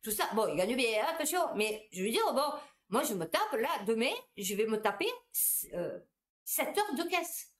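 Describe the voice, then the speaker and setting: A woman, a supermarket cashier, telling anecdotes in a casual, animated monologue. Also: fairly high pitch, moderate pace.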